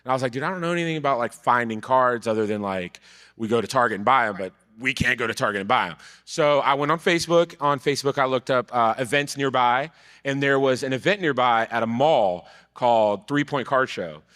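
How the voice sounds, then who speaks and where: A man in his thirties from Brazil, telling his story as a podcast guest in relaxed, casual talk that trails off quietly. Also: medium pitch, a little fast. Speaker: podcast guest, card vendor. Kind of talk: casual chat. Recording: live event hall with long reverb.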